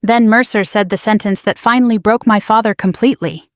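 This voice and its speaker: A woman narrating a first-person story in a measured, quietly dramatic manner. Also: mid-range voice, no room sound, clean studio sound.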